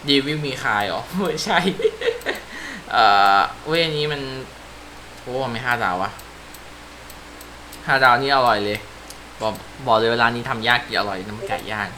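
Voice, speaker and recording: A man's voice: mid-range voice, bright, forceful tone, slight background noise. A Thai man giving casual, profane commentary while playing a racing game, laughing at his own mistakes. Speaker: gaming YouTuber. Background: car engine and game ambience.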